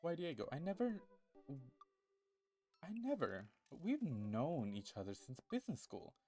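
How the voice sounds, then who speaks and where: A man voicing a haughty, old-fashioned gentleman in a game, speaking in a prim, theatrical way. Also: on the high side, wildly swooping pitch, measured pace, no echo, soft background music, pitched above the performer's own voice, heavily acted. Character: pompous old-fashioned man with Victorian airs.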